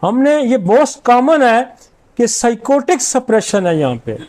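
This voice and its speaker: A man's voice: very high-pitched, sing-song, a little mellow. A middle-aged man, a homeopathic doctor, giving an informal lecture and confidently rattling off long lists of remedies.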